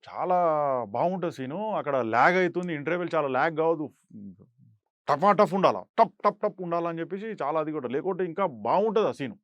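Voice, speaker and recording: A man's voice: fairly high pitch, animated, a little fast, fairly bright tone, dry recording, muffled recording. A young man, an actor guest telling stories in an interview and acting out quoted lines in a raised voice. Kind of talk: animated storytelling interview.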